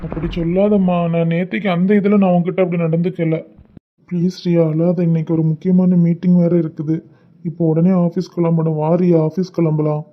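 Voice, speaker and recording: A soft-spoken young man in a cartoon, voiced by a performer coaxes and pleads in a mid-pitched voice with a Kanyakumari Tamil accent. The audio is a little dull and lo-fi. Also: level tone, fairly quick, a little hiss or hum, close to an everyday voice. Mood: pleading. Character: gentle young man, apologetic husband and caring brother. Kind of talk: cartoon voice acting.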